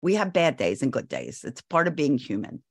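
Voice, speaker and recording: A woman's voice: a bass voice, huge pitch swings, normal speed, breathy edge, dry recording, clean studio sound. A woman in her sixties, a parenting expert guest, giving firm advice and stressing her points by repeating them. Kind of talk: advice interview.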